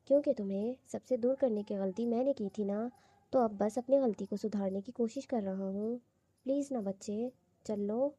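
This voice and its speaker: A woman's voice: on the high side, dark tone, breathy edge, no echo. A woman reading as a teasing young husband. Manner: coaxing, playful, lightly reading.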